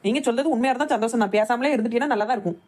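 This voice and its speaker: A woman voicing a sharp-tongued young daughter-in-law in a cartoon, with a Thoothukudi Tamil accent, firing back quick retorts. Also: on the high side, close to an everyday voice. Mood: defiant. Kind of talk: cartoon voice acting.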